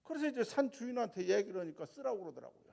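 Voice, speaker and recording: A man, a church deacon, telling a lively testimony at a prayer meeting, going from loud to soft. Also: high-pitched, racing, gravelly. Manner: animated storytelling that swings between loud and soft.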